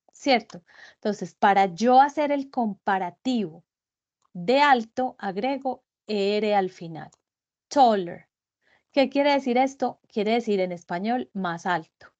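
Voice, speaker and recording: A woman's voice: on the high side, darkish tone. A woman teaches English grammar in an online class. She explains each point patiently and in small steps, and keeps checking that the students understand. The audio is dull and lo-fi, typical of a web conference. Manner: patient, step-by-step explaining, often checking with "¿cierto?".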